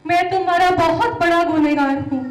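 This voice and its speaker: A woman's voice: extremely high pitch, brisk, faint music behind. A woman playing a guilt-ridden father who begs his daughter's forgiveness in an amateur stage skit. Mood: guilty. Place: live stage in a hall. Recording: echoey hall.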